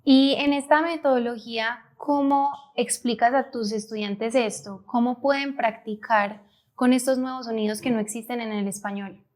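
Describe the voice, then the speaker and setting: A woman's voice: fairly high pitch, steady tone, normal speed. A woman hosting an interview and asking brief, attentive questions.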